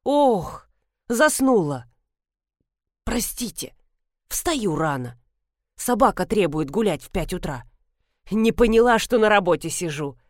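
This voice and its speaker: A woman voicing a grumpy, half-deaf elderly woman pharmacist who scolds loudly and demands people speak up. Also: mid-range voice, very animated, takes it slowly, pauses often, dry recording, clean studio sound. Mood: scolding.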